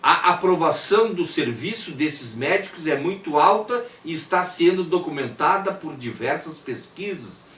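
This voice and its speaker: Reading formally from a prepared text, a Brazilian man sounds expressive and fairly bright, his voice a little high, moving at normal speed with few pauses. Now and then he stumbles and rereads a word, and he voices quotation marks as though dictating. A distant mic gives an echoey sound with faint background noise.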